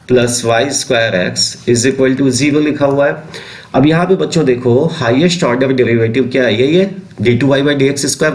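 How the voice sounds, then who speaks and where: Maths teacher lecturing students. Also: male voice, mid-range voice. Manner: slows right down when reading out English definitions. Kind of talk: classroom lecture.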